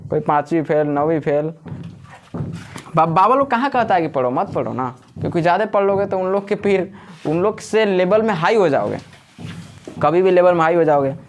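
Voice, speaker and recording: A man with a high voice and a Jharkhand Hindi accent lectures a coaching classroom, chatty and joking as he often quizzes his students. There's a little hiss or hum on the recording.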